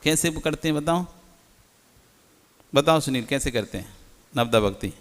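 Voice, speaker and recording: एक पुरुष जैन मुनि प्रवचन दे रहे हैं, श्रोताओं से सवाल पूछकर खुद उत्तर देते हुए, उपदेशात्मक अंदाज़ में।. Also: male voice, fairly high pitch, animated, normal speed. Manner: didactic, asks the audience questions and answers them. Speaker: Jain monk giving a discourse. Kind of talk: sermon. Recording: long hall reverb.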